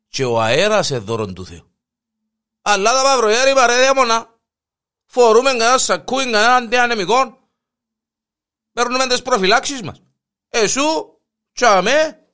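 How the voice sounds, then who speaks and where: Man playing a scolding Cypriot village headman, loud and lively. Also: medium pitch, pauses often, pitched below the performer's own voice. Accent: Cypriot Greek. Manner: lecturing, rising to loud scolding. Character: village headman, middle-aged man, exasperated.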